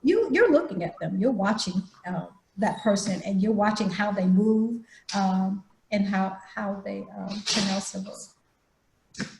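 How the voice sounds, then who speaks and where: A woman theater teacher talks through a video call in an animated, hands-on way. Her mid-range voice carries a roomy echo. She sounds like she is coaching students live. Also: medium pitch, measured pace, vocal fry, noisy background. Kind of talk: online badge workshop talk. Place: home room.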